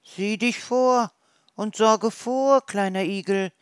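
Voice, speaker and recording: Older, wiser hedgehogs from a storybook, raised in pitch and slowed into a solemn warning, as the narrator puts them on. The delivery is deliberate and weighty. The sound is dry and close. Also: smooth, no room sound, lightly acted.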